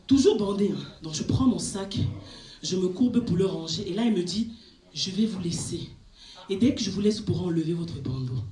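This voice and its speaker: A woman performing a stand-up comedy set on a club stage, telling her story with big animated swings and shrieks at the punchlines. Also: medium pitch. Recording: echoey club with audience noise. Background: audience laughter.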